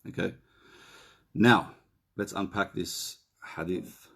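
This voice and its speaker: A middle-aged man giving relationship counselling in a live question and answer session, chatting casually, reading out viewer questions and slowing down to repeat key points. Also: low-pitched, creaky, fairly bright tone, slightly rough. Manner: conversational, reads out viewer questions; slows down and repeats key phrases.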